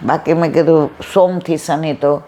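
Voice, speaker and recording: A woman giving a devotional satsang talk, telling stories and acting out the dialogue lively. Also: low voice, moderate pace, very noisy. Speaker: satsang speaker.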